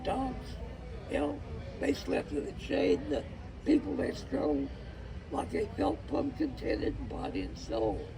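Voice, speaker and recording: A man with a folksy cowboy drawl, reciting rhyming cowboy poetry like a storyteller in a gravelly voice. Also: on the high side, huge pitch swings, measured pace, crowd noise.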